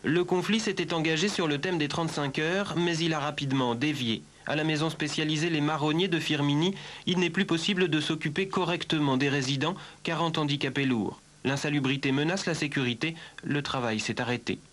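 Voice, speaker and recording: A man presenting a regional news roundup in a measured, crisp reporting voice. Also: on the high side, fairly bright tone. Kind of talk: news narration.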